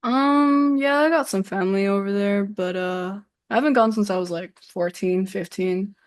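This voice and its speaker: Guesting on a casual interview, a twenty-something streamer from the Bay Area, a native Cantonese speaker, talks hesitantly, leaning on "like" and letting sentences trail off. She has a mid-range voice and speaks at a normal speed.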